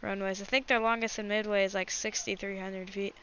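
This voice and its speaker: A woman's voice: medium pitch, level tone, fairly quick, fairly bright tone. A woman hosting a livestream, giving casual, chatty live commentary and speaking directly to her viewers. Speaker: livestream host. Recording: dull lo-fi mic with faint noise.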